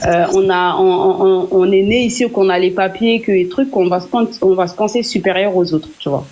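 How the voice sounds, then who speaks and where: A woman's voice: medium pitch, fairly quick, mellow, lo-fi sound. A young French woman, a guest on a live stream, speaking in candid, earnest casual chat with fillers and restarts. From France.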